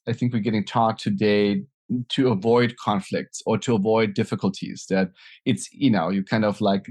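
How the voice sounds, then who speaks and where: Here the German-accented nonprofit founder, a middle-aged man from Germany, speaks with a darkish tone at medium pitch. As an interview guest in a conversational setting, he answers thoughtfully, full of fillers and restarts.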